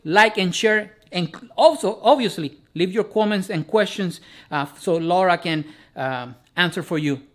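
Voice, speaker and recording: A man hosting a casual interview, upbeat in his intro and halting when asking questions. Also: high voice. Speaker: podcast host. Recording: echoey room.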